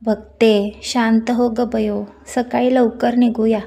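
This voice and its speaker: A woman voicing a gentle, soft-spoken young woman who speaks hesitantly in a storybook reading. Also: on the high side, flat delivery, slow, vocal fry, heavily acted.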